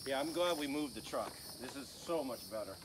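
A man chatting in a relaxed, easygoing way in a casual camping vlog outdoors. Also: medium pitch, fairly quick, background noise. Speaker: vlogger. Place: wooded campsite outdoors.

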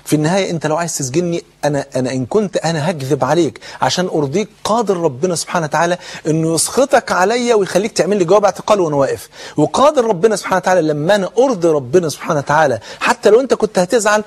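A man in his sixties with an Egyptian accent gives a religious lecture, telling a personal story and acting out the dialogue, with sudden drops to quiet tones and rises to loud ones. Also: sits high, expressive, rapid-fire, husky. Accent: Egyptian Arabic. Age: 60s. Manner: storytelling, acts out quoted dialogue, shifts between hushed and raised tones. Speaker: preacher.

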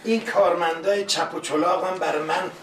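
A man's voice: high-pitched, fairly even intonation, roomy sound, far from the mic, slight background noise, lightly acted. A man playing an irritable grumbling boss. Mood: irritated. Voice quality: complaining, sighing. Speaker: airport owner and boss.

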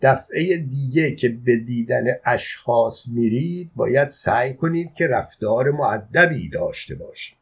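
A man reading an audiobook voices a calm soldier servant who scolds with unruffled, formal politeness. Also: medium pitch, hardly any pauses, slightly rough. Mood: scolding calmly. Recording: dull lo-fi audio.

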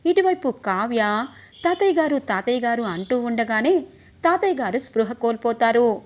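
Higher-voiced woman narrating a story recap. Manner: quick storytelling, reads all characters' lines in her own voice.

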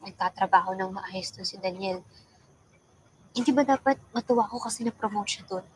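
A woman's voice: medium pitch, normal speed, slight background noise, close to an everyday voice, low-quality recording. A young woman with a Filipino accent playing a conflicted, lovesick girlfriend, impulsive and earnest, in a naturalistic film drama. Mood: reflective, resolved. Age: young adult.

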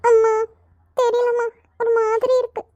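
A very high, tearful voice of a heartbroken young college girl, as a woman acts her out in a village cartoon comedy. She pleads and complains with close, dry sound. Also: completely flat delivery, normal speed, mellow, no echo, lo-fi sound. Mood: subdued. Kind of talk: cartoon voice acting.

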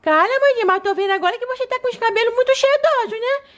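A woman's voice: very high voice, racing, a bit bright. A woman voicing a bossy, exasperated older sister doll girl in a toy play video. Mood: patient. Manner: scolding, exasperated.

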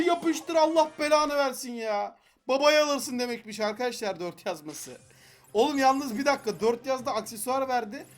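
A young man giving excited gameplay commentary, frustrated and pleading with the game as he opens loot boxes. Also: very high voice. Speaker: gaming YouTuber.

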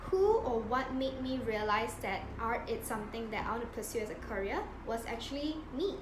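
A woman in her twenties with a fairly high voice speaks reflectively to camera. Her bedroom sounds echoey, with clear room noise behind her. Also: animated, brisk. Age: 20s. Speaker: designer guest. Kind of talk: direct-to-camera interview answers. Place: indoor bedroom.

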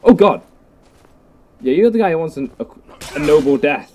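Excitable young man commenting on a game. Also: a little high, fast talker, a little hiss or hum. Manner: jokey, excitable, talks to enemies. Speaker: gameplay commentator. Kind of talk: casual let's play commentary.

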